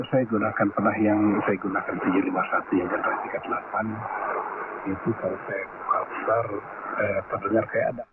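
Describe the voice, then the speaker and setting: A man chatting casually about his gear on an amateur radio net, heard over a shortwave two-way radio, relaxed and technical, handing off turns with call signs. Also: sits low. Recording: distant, tinny, very noisy radio signal.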